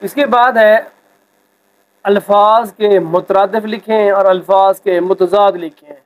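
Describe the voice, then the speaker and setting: A man teaching a school lesson, explaining a textbook exercise and reading example sentences slowly with expression. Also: sits high, fairly even intonation, poor audio.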